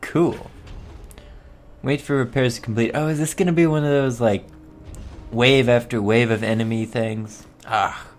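A man's voice: medium pitch, steady tone, measured pace, long pauses, faint music behind. A man giving casual, sweary gameplay commentary, chuckling and talking to himself as he plays. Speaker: let's play gamer.

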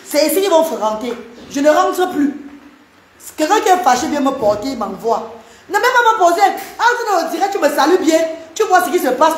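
High-voiced Cameroonian woman, echoey room. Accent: Cameroonian French. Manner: emphatic and repetitive, scolding and bantering with viewers. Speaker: live streamer. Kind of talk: casual live-stream talk to viewers.

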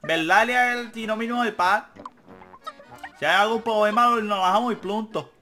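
High, bright young man gaming. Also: measured pace. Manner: joking, swears casually, reads game text aloud. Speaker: gaming YouTuber. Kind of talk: let's play commentary. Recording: faint game music behind.

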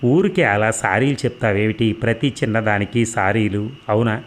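A man reading the lines of an insistent young woman who keeps pressing her cousin with questions, in a lowish voice. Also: normal speed, natural voice.

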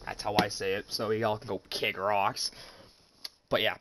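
A young man casually commenting on his own hockey video game, excitable, swearing and talking to viewers as "boys". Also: fairly low pitch, unhurried, noisy background. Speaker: gaming YouTuber.

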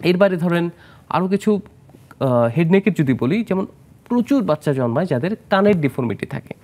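Explaining treatments as a guest on a studio health interview, a male plastic surgeon from Bangladesh has a high-pitched, animated, slightly mellow voice and a moderate pace. He peppers his talk with English medical terms and poses questions to the host.

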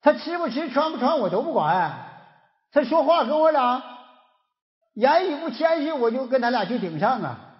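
A man's voice: very high-pitched, moderate pace. A man with a Northeastern Mandarin accent, a folk healer giving a storytelling lecture and acting out the dialogue as he goes. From Northeast China. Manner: animated storyteller who acts out dialogue. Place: lecture hall. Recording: dull lo-fi lecture recording with long hall reverb.

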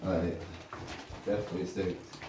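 A young man exploring a dark derelict basement, joking nervously and swearing, his voice echoing like in a cave. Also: deep voice, level tone, a little slow. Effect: cave-like echo in a dark basement. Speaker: urban explorer vlogger. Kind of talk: casual exploring vlog. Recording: echoey cave-like space, far from mic, loud noise.

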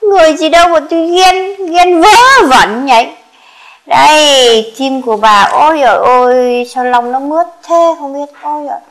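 In a comic sketch, a woman plays a chatty old grandmother with a jealous husband, grumbling, exclaiming, and fussing in a sing-song Northern Vietnamese accent. Her voice is high with a moderate pace, and the recording is rough.

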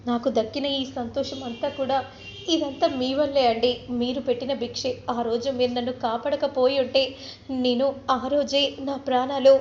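A woman's voice: high-pitched, fairly even intonation, normal speed, darkish tone, slight background noise, natural voice. Woman voicing an earnest young woman in love. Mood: earnest pleading. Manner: pleading, earnest. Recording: roomy, slightly dull recording.

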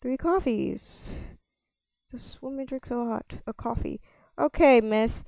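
A woman role-playing a cafe server in a game, chatting with customers and thinking out loud with lots of ums. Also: on the high side, slow, creaky, dry recording. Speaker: player running a cafe. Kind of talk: casual game role-play.

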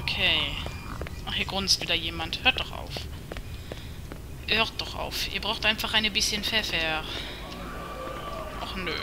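A woman's voice: mid-range voice, unhurried, long pauses. A woman giving casual commentary while playing a video game. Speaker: let's play gamer. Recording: clear game noise behind voice. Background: video game sounds.

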